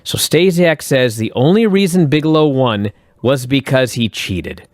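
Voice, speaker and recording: A man hosting a podcast, recapping old wrestling shows in a profane, animated way and acting out quotes. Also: mid-range voice, measured pace, dry recording, clean studio sound. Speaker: podcast host.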